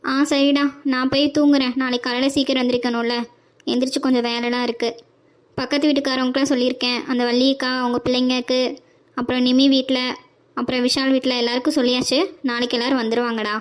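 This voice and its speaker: A woman voicing a practical, caring older sister who gently scolds her brother, in a cartoon. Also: sits high, little pitch movement, fast talker, close to an everyday voice. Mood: motherly. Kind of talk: cartoon voice acting.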